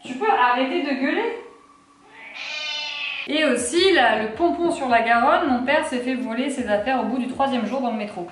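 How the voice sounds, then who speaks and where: A young woman chats to her camera in a casual vlog, exasperated and full of fillers and sarcastic asides. Her voice sits a little high. The room is echoey, with a faint hiss of noise behind her. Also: fairly quick, hardly any pauses. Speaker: vlogger.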